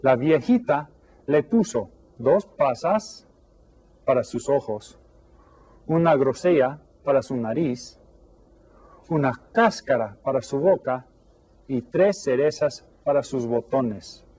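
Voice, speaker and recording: Slow, mellow-voiced male teacher. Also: medium pitch, expressive. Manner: slow, deliberate, translating each line into English. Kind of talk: bilingual storybook read-aloud.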